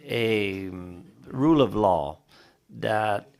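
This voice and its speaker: A man answering as a panelist at a conference, speaking in a deliberate, formal way. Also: on the low side, creaky, darkish tone.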